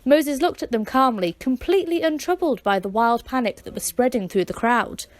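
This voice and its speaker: A woman narrating a children's Bible story with dramatic, expressive delivery. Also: a little high, moderate pace, dry recording.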